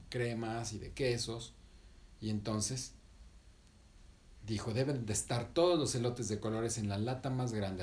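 A man spinning a children's story out loud. His voice rises and falls a lot as he tells it, playful and chatty, pausing to fix his own slips and ask the listener what happened next. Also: mid-range voice. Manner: playful, self-correcting, addresses listener.

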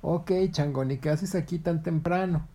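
A man voicing a sleepy female heron with a hoarse, drowsy voice, patiently explaining things in a spoken storybook. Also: a little high, moderate pace, mellow, voice pushed up, natural voice.

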